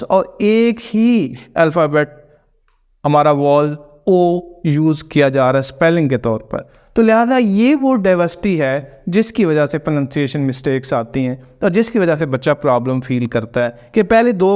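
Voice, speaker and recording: A man's voice: fairly high pitch, darkish tone, smooth. A man, patiently explaining a pronunciation lesson and mixing English words into his talk.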